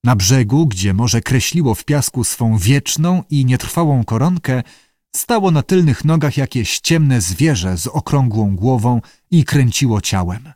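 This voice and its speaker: A man reading a novel aloud as narrator, with steady, measured delivery. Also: mid-range voice, no echo, studio quality. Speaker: audiobook narrator. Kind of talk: scripted narration.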